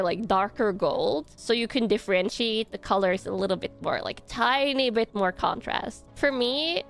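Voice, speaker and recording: Chatty woman ranking outfits. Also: on the high side. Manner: chatty and rambling, many fillers, giggly. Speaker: content creator. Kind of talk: casual ranking commentary. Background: soft background music.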